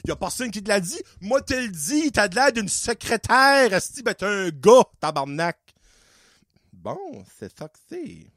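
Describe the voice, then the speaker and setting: A man's voice: high voice, very animated, unhurried, fairly bright tone, no room sound, studio quality. A man with an Acadian French accent hosting a podcast, telling a story as a profane, sarcastic, exasperated rant. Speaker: podcast host. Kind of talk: casual comedic rant.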